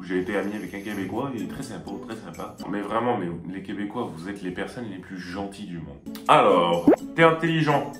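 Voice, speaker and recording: Young male YouTuber, fairly deep voice, laid-back chatty delivery, roomy echo with faint music behind. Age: 20s. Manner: chatty and relaxed, addresses viewers directly. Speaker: YouTuber answering fan questions. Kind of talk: casual chat.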